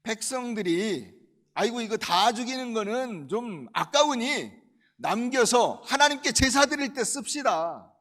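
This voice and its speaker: A man's voice: very high voice, lively intonation, unhurried, a bit bright, pitched above the performer's own voice, heavily acted. A man acting out a stubborn ancient king who insists on his own excuses. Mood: insistent.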